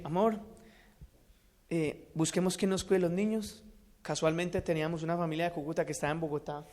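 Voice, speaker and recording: A man gives an earnest religious testimony, shifting between loud and hushed. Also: high voice. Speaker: speaker giving a testimony.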